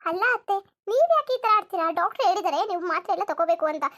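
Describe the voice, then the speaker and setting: A woman's voice: very high voice, lively intonation, very fast, a bit bright, full character voice. A woman voicing a cheeky lazy cartoon daughter-in-law. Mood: placating. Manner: cheeky, argumentative, pleading. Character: lazy sleep-loving young daughter-in-law. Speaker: narrator addressing viewers. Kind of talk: cartoon comedy voice acting.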